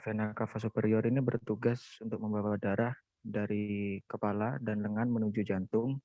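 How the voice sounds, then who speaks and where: Young male student, flat steady delivery, tinny dry phone-line sound. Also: fairly low pitch, dry recording. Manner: quiet, flat, steady explaining. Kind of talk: answering in an online class.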